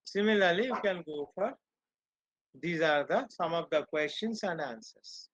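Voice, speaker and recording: Male online lecturer. Slow, deliberate and stern with his class, on dull lo-fi call audio. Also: a little high, a bit bright, dry recording. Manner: slow and deliberate, switching between Hindi and English, scolding the students. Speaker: teacher.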